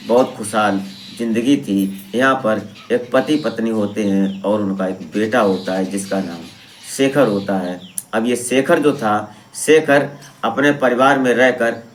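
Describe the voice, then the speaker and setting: Low-voiced man narrating a true story. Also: a little hiss or hum.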